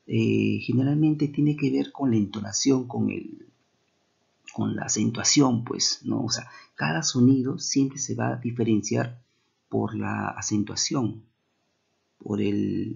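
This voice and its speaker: A man's voice: lowish voice, gravelly, darkish tone, husky. A man teaching a recorded lesson, explaining patiently and often stopping to check that listeners follow along. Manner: explanatory, with frequent rhetorical checks. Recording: muffled lo-fi recording.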